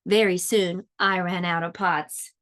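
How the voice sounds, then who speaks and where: With a lowish, steady, slightly bright voice, a woman performs a children's storybook like a preschool teacher, expressive and drawing out her dramatic emphasis on purpose.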